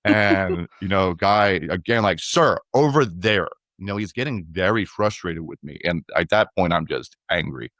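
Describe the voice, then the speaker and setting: A young man co-hosting a podcast, telling a story in a relaxed, chatty way and acting out the other people's lines. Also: deep voice, normal speed, hardly any pauses, no echo, studio quality. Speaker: podcast co-host. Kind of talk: casual conversational storytelling.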